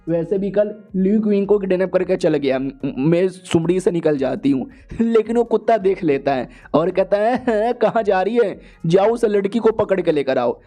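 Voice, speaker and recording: High-pitched, slangy recap narrator man. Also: mellow. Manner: slangy, joking storyteller. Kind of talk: casual anime recap narration.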